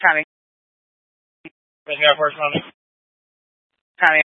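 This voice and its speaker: A woman's voice: low-pitched, level tone, measured pace, sharp tone, no echo. A woman dispatcher speaking in clipped radio codes over a police radio transmission. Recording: tinny dry radio scanner audio.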